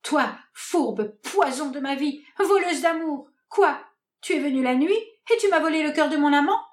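A woman's voice: sits high, lively intonation, normal speed. A woman voicing a small, fiery young woman jilted in love, theatrical and full of indignant questions, in a read-aloud stage comedy. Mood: outraged.

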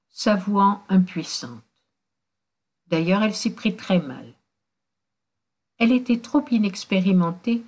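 A woman narrating a novel in a measured, literary reading. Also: medium pitch, a little mellow. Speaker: audiobook narrator.

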